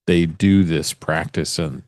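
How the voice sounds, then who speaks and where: A man co-hosting a podcast, chatting casually in a thoughtful, measured way. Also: a bass voice, fairly even intonation, a little mellow, dry recording, clean studio sound. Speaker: podcast co-host. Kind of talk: casual chat.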